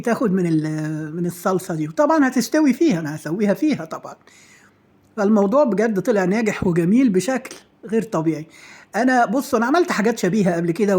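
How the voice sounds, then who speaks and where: A woman's voice: medium pitch, a little mellow, slightly rough. A middle-aged woman with an Egyptian accent chats casually to her followers while cooking, playful and self-praising, trailing off into fillers. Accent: Egyptian Arabic. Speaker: home cook and channel host.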